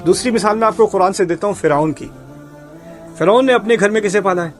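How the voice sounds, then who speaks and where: A man with a fairly high voice explains scripture like a patient teacher. He keeps asking his listeners questions, repeats the key words, and breaks into recited Arabic verses. Soft music plays faintly behind him. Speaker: Quran teacher. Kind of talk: Quran commentary lecture.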